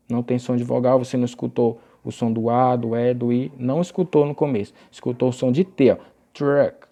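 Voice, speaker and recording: A young man teaching English grammar in a recorded video lesson, explaining patiently and reading example phrases aloud slowly. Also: medium pitch, vocal fry, mellow.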